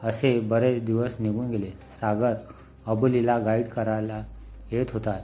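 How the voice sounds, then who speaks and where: Man reading a story, flat even voice, dark mellow tone, quiet music underneath. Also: fairly low pitch, measured pace, a little hiss or hum. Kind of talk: scripted story narration.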